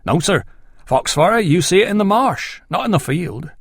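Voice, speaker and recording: A man voicing an earnest, excitable male farmer who speaks with awe. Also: sits high, moderate pace, creaky, dry recording, studio quality, pitched above the performer's own voice, exaggerated voice. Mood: awed. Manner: eager, awed, excitable.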